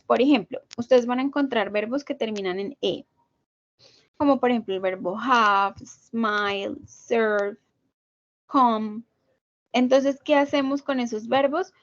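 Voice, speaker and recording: A woman's voice: a little high, no echo, muffled recording. Woman teaching over a video call. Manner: patient, explains step by step, checks in with "¿listo?". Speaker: English teacher. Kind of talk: online class lecture.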